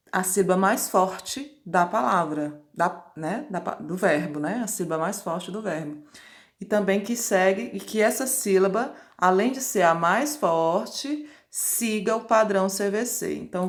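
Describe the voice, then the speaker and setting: Patient woman teaching grammar. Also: mid-range voice. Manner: patient, repeats rules step by step with checking questions. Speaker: English teacher. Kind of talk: grammar lesson explanation.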